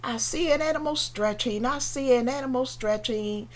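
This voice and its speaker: A woman teaching young children in a slow, sing-song way, with playful animal sounds. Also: on the high side, a little hiss or hum. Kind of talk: singalong children's lesson.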